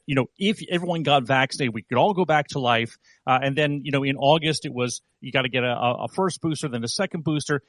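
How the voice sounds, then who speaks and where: A man's voice: on the high side, fairly bright tone, no room sound. A man speaking as a guest on a live audio chat, explaining his own posts with many restarts and repeated words. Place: lives in San Diego.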